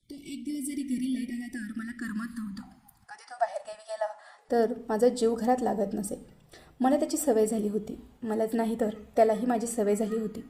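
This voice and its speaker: A woman narrating a first-person story in a calm, chatty storytelling manner. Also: fairly high pitch.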